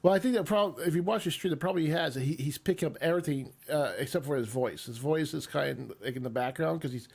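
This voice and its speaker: A man with a gravelly, husky voice, talking casually and loosely over a voice call. He rambles with lots of fillers and pitches a little high for a man. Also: quick pace, few pauses, darkish tone. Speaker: streamer hosting a chat. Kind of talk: casual chat.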